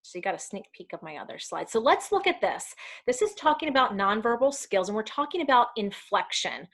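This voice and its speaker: A woman's voice: mid-range voice, sing-song, fairly quick, a bit bright. A woman leading a virtual workplace training, talking casually with ums and self-corrections as she walks through slides. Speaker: community education trainer. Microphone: video call.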